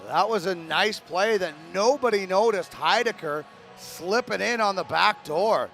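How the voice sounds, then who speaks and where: Male hockey play-by-play announcer, high voice, brisk calls, faint music underneath. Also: vocal fry, a bit bright. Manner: brisk, rising with the action, occasional fillers. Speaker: play-by-play commentator. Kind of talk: live hockey play-by-play commentary.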